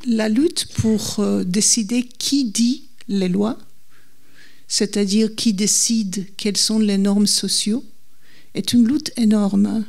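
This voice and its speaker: A woman's voice: mid-range voice, darkish tone. A woman speaking French as a second language with a foreign accent, giving a public talk and searching for her words. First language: not French. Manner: halting, searching for words in non-native French. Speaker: guest speaker, legal historian. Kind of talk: public lecture in answer to a question.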